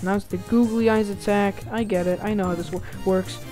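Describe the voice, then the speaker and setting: A woman chats through a video game in a casual let's-play, reading the on-screen text aloud and reacting in short asides. Her voice sits at an ordinary middle pitch. Faint game music plays behind her. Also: steady tone, brisk, warm tone. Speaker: gaming channel host.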